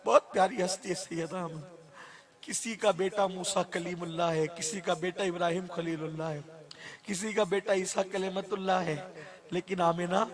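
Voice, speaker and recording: A man giving an emotional sermon, swinging between loud impassioned cries and hushed, tender tones. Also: high voice. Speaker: preacher.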